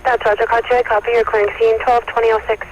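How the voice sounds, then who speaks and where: Male fire dispatcher over two-way radio, quick high voice, muffled with faint static. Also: flat delivery. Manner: brisk, repeats back calls and gives times. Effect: heard over a two-way radio.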